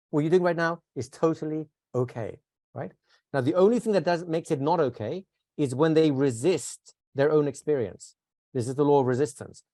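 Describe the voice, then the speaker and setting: A man leads a workshop in a relaxed, conversational way, often checking in with his students with questions. He has a mid-range voice and sometimes drops into a slow, calm, soothing tone to show how it is done. The sound is dry and close, with no room echo. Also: medium pitch. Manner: conversational, asks the class questions, models calm soothing speech. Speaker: instructor. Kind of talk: teaching a live workshop.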